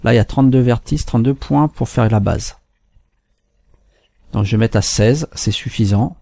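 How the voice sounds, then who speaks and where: A man from France hosting a screen-recorded software tutorial, walking through steps calmly with fillers and restarts. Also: medium pitch, vocal fry, dry recording. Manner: unhurried, step-by-step with fillers and restarts. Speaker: tutorial host.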